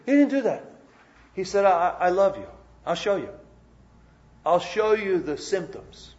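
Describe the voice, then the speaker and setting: The pastor in this muffled church recording has a high-pitched, slightly mellow voice. His sermon is full of stammering repetitions and restarts, and he often turns to the congregation with conversational questions.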